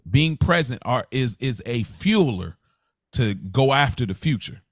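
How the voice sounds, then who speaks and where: Man in casual podcast chat, medium pitch, thoughtful, dry close mic. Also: animated, unhurried, no room sound. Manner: thoughtful, asks the others' views.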